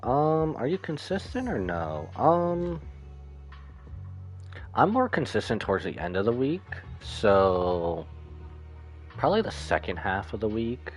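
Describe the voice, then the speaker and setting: A man livestreams a game, chatting casually and rambling as he thinks aloud. His medium-pitched voice is sing-song and a little slow, with long pauses. Video game music and dialogue play behind him.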